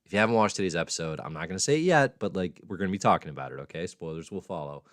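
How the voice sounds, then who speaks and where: A man's voice: low-pitched, big pitch swings, rapid-fire, no echo, studio quality. A man in his thirties hosting a casual live stream from a room at home, rambling and joking at his own expense. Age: 30s. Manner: rambling, self-mocking jokes. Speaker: host.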